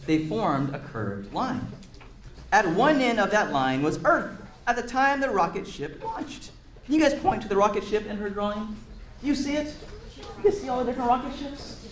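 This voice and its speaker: A high-pitched, slightly bright male voice carries through an echoey room as he reads a picture book to gathered children. He pauses now and then to encourage them, clarify words and ask them questions.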